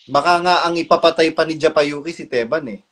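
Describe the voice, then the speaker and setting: Relaxed man hosting a casual chat. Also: fairly high pitch, a little fast. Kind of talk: casual live-stream chat.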